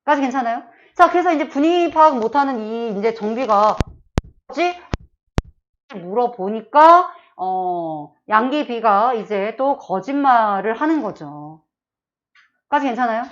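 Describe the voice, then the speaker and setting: A woman with a fairly high voice leads an exam-prep literature lecture. She walks through the story step by step and keeps asking whether the class is following. The audio is dull and lo-fi. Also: lively intonation, measured pace. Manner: explains step by step, with frequent checking questions. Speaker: Korean literature teacher.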